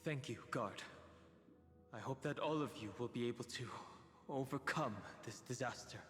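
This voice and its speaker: An actor playing an earnest, courteous young hero who sounds thoughtful, in a video game. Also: male voice, medium pitch, moderate pace, fairly bright tone, faint music behind, close to an everyday voice. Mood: earnest, grateful. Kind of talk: dramatic video game voice acting.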